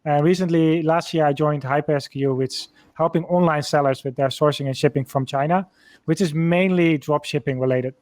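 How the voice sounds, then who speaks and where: A man's voice: a little high, steady tone, moderate pace, a little mellow, no echo. A man introducing himself on a panel, friendly and offering help to listeners. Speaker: panelist, sourcing and shipping.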